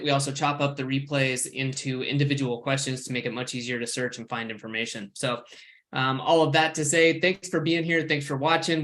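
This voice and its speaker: A man co-hosting a live online question-and-answer show, chatty and relaxed with many fillers. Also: medium pitch. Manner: relaxed, filler-heavy announcer. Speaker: co-host. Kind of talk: casual webinar chat.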